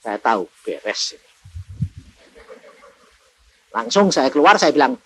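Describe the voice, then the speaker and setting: A man preaching an evangelist's sermon, telling a story and acting out its voices with sudden shouts and laughs. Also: medium pitch, sing-song, a little fast, breathy edge, low-quality recording.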